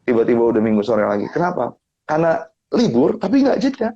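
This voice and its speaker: A man giving a casual motivational talk as a guest, his voice somewhat husky. He tells stories animatedly and voices other people with sharp jumps upward in pitch. The stream audio is dull and lo-fi. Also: quick pace. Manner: animated storytelling, acting out others' lines with big pitch jumps. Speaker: guest speaker on family topics. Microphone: live-stream mic.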